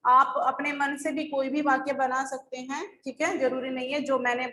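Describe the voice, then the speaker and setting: A woman's voice: high-pitched, flat delivery, normal speed, bright, forceful tone, echoey room, slight background noise, rough recording. A woman schoolteacher going over lesson answers, explaining patiently step by step. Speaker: school teacher. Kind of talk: recorded class lesson.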